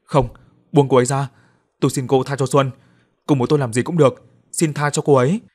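A man voicing a desperate young man who pleads and shouts in a raised voice. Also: medium pitch, fairly even intonation, a little fast, breathy edge, pitched above the performer's own voice, close to an everyday voice. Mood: pleading.

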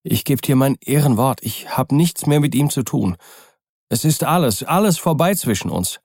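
A man's voice: unhurried, darkish tone, no echo, studio quality, lightly acted. A man reading an audiobook, voicing a frightened, nervous middle-aged doctor in an agitated, pleading tone. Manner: agitated, pleading, higher-pitched.

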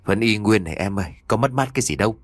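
A man's voice: fairly low pitch, expressive, racing, no echo. A man voicing a hungover young husband who talks in a groggy, irritable way in a told ghost story.

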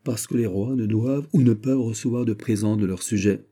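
A man's voice: on the low side, a little fast, dark tone, voice pushed up. A man doing a haughty court minister. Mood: measured. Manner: lofty, formal speeches. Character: proud, eloquent male royal finance minister.

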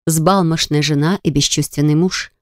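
A woman's voice: low voice, fairly even intonation, moderate pace, no echo, clean studio sound, natural voice. Woman as a sarcastic, sugary-voiced young heroine. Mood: mocking. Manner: sugary, mocking.

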